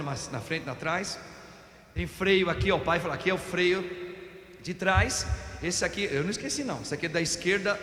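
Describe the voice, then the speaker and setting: A middle-aged Brazilian priest giving an Easter homily, telling folksy stories with everyday examples. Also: male voice, high voice, a bit bright. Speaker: parish priest. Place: parish church. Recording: echoey church with long reverb.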